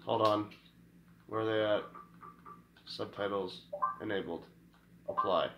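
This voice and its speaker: A man giving casual, excitable let's play commentary, exclaiming and talking back to his game. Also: on the low side, slow pace, very noisy. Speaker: video game player. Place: room indoors in front of a TV. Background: game music and sounds.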